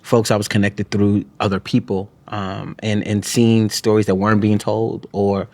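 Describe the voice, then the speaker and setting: The guest author from New York, also a poet, has a fairly low, darkish voice and flat delivery. He reflects haltingly in the interview, restarting often and repeating "you know what I'm saying."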